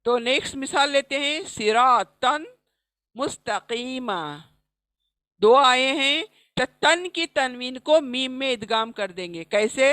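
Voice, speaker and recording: A woman teaching recitation in an online class, explaining each rule and then reciting the example slowly. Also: high voice, fairly bright tone, dry recording. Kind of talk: recorded online lesson.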